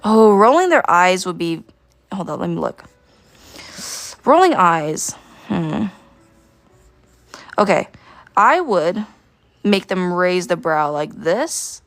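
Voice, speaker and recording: A woman's voice: fairly low pitch, sing-song, takes it slowly, pauses often, no echo. A woman chatting casually while she draws during a livestream art lesson, giggling and thinking aloud. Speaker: art teacher streaming live.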